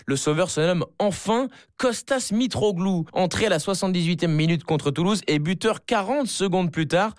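A man's voice: high voice, moderate pace, hardly any pauses, no echo, studio quality. A male sports journalist reading a scripted football report with punchy phrasing.

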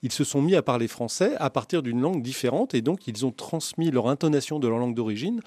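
A man, a journalist guest on a radio talk show, explaining at length in a measured, lecturing way. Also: mid-range voice, lively intonation, darkish tone, no room sound. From southwest France.

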